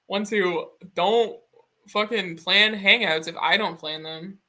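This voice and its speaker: Slow, swearing streamer musing while drawing. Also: mid-range voice, bright, forceful tone. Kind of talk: casual drawing stream chat.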